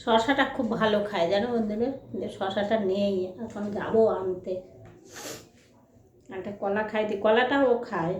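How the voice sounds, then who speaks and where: A woman chatting casually to her viewers at home while coaxing her dog to eat in high baby talk. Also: normal speed, reverberant, a little hiss or hum. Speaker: vlogger.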